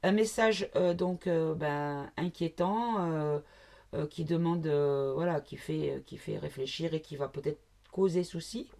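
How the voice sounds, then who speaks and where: A woman's voice: low voice, a little slow, creaky, darkish tone. Chatty woman reading cards aloud. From southern France. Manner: chatty, thinking aloud with many fillers and asides. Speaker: card reader. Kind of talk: casual tarot reading to camera.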